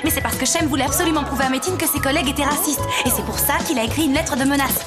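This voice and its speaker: A high, youthful woman playing a sardonic daughter of twenty in a TV comedy-drama. She sounds dry and flippant, fed up with her family, over loud music. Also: rapid-fire, natural voice. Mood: wry. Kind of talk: dubbed TV comedy-drama with narration.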